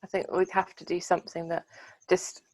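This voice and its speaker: An earnest woman with a lowish voice, reflecting on a podcast in long, thoughtful runs. The recording is dry and close. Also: little pitch movement, a little fast, a little mellow, dry recording. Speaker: podcast co-host. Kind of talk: casual chat on a video call.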